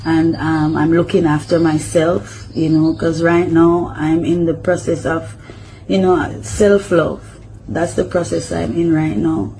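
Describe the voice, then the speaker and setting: A woman speaks in a subdued, halting way. She is making a heartfelt apology on a livestream. Her voice is low and mellow, with a flat delivery. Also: a little hiss or hum, low-quality recording.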